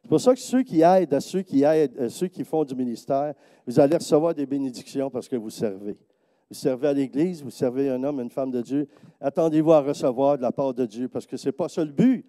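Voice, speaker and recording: Brisk and echo-free, this Quebec-accented preacher shares a testimony in church. His storytelling is lively, and he voices the people he quotes in a higher register.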